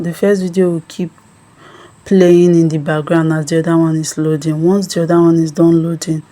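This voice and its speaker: Tutorial host: woman, deep and even-toned, explains each step with ums. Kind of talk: screen-recorded app tutorial.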